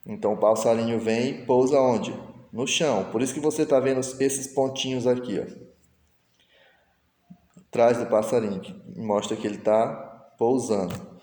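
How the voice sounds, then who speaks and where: A man's voice: medium pitch, moderate pace, dark tone. A male teacher, patiently explaining a lesson step by step and voicing his students' questions himself. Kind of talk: recorded online lesson. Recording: echoey room with long reverb.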